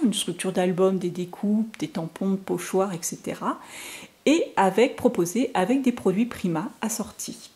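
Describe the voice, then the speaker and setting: A French woman with a soft, mellow voice chats to her viewers about craft supplies. She is eager and rambling, full of little fillers and restarts, at an everyday middle pitch. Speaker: scrapbooking haul vlogger. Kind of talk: casual product haul talk to viewers.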